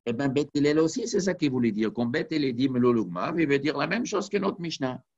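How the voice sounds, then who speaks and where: A man's voice: mid-range voice, expressive, brisk, darkish tone. Man teaching Talmud, dull lo-fi recording. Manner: explanatory, mixes Hebrew and Aramaic terms into French. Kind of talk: Talmud study lesson.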